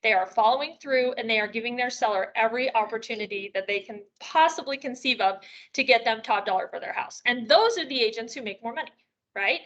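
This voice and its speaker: A woman's voice: fairly high pitch, a little fast, fairly bright tone, highs cut off. A woman presenting at a real estate sales meeting, upbeat and chatty, a little out of breath, asking rhetorical questions as she walks through tools. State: slightly out of breath.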